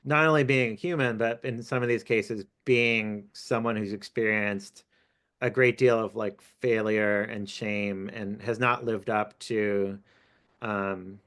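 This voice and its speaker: A man's voice: on the low side, steady tone, slow, fairly bright tone. A man, an author, talking over an academic discussion in a thoughtful, hesitant way with frequent fillers. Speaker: author and guest speaker. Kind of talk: academic talk.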